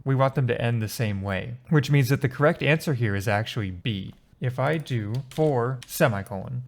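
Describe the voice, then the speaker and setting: A man calmly explaining test prep grammar, step by step, in a screen-recorded lesson. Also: medium pitch. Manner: calm, methodical explaining.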